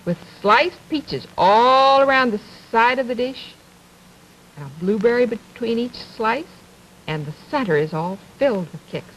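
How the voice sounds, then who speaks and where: A woman presenting a 1950s children's television show, talking to young children in simple phrases with many questions and a gentle, drawn-out sing-song delivery. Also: fairly high pitch, lively intonation. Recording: noisy 1950s television archive recording.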